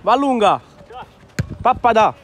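Uomo, telecronaca calcistica lenta, voce acuta. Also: male voice, high voice, very animated, slow, fairly bright tone. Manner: clipped short phrases naming players. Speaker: football match commentator. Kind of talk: live amateur football commentary. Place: outdoor floodlit football pitch at night.

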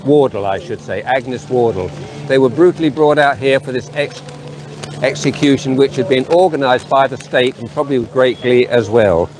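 Older man, solemn outdoor address to camera, mid pitch, faint square noise. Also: a little mellow. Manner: earnest, solemn, reading names from a sheet. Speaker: street preacher. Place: sunny town square outdoors. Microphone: camera at a few metres.

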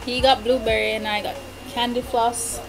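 A woman's voice: on the high side, level tone, normal speed, vocal fry, low-quality recording. A young woman chatting casually as she hosts a challenge, eating candy and reacting to it as she talks. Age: young adult. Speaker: challenge video host. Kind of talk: casual chat. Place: bedroom, indoors. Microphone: camera across a small table. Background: music in the background.

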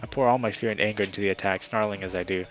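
A man's voice: lowish voice, fairly even intonation, rapid-fire, faint music behind, rough recording. A man reading a visual novel aloud for his channel, narrating dramatically with the odd casual aside. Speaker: gaming YouTuber.

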